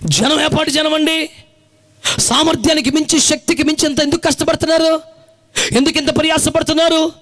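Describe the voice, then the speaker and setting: A man's voice: very high voice, steady tone, brisk, long pauses, fairly bright tone. A male pastor with a Telugu accent preaching a fervent sermon in a colloquial style, urging the congregation to respond aloud. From India. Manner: colloquial, dramatizing biblical characters in everyday speech.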